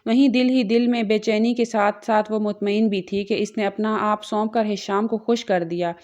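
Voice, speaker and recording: A woman narrates a romance novel in a steady, even storytelling read. Her voice sits at a middle pitch. The recording is dull and lo-fi. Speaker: audiobook narrator.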